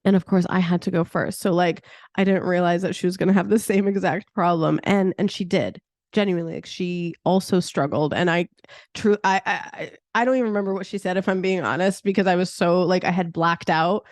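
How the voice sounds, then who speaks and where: Hosting her own podcast, a woman in her thirties talks in a chatty, relaxed way, dropping plenty of "like" and frequently laughing at herself. Her lowish voice has a darkish tone and a steady delivery, moving a little fast. The sound is clean studio audio without room sound.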